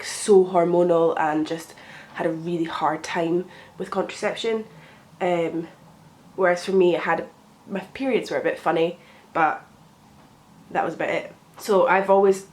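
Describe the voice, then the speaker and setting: A sniffly young woman with a cold rambles through a get ready with me vlog at home, putting on makeup and saying um often. She is a young adult beauty vlogger whose voice is fairly low with a darkish tone.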